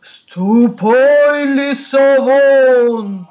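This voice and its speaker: A big old storybook bear, voiced by a woman, growls his words very slowly and heavily, lower than her own voice. He sounds gruff and ponderous. Soft music plays behind him. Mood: gruff, roaring. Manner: slow heavy growling.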